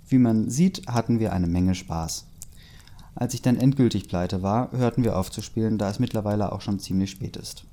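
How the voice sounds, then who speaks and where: Mellow and fairly low-pitched, a young man reads fan fiction in a relaxed way, often interrupting himself with comments and laughs.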